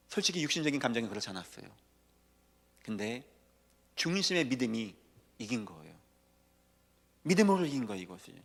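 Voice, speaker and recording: A male pastor preaching a sermon, emphatic, swinging between hushed lines and loud declarations. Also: medium pitch. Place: church sanctuary. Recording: long church reverb.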